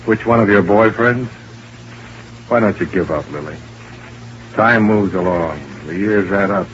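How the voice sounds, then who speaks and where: Johnny Dollar, a deep-voiced radio detective. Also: male voice, unhurried. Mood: cold. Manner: terse, clipped first-person narration. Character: hard-boiled male private investigator. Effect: old-time radio broadcast. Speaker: insurance investigator and narrator. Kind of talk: 1950s radio drama acting. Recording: muffled vintage radio broadcast with hiss.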